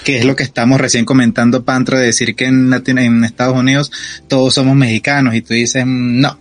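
A man's voice: medium pitch, level tone, quick pace, dry recording. A man co-hosting a podcast, talking chattily and slipping in English phrases. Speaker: podcast co-host. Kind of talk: casual chat.

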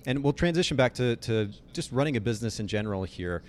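A man hosting a podcast interview in a conversational style, with low rumbling noise behind his voice. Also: lively intonation, fast talker.

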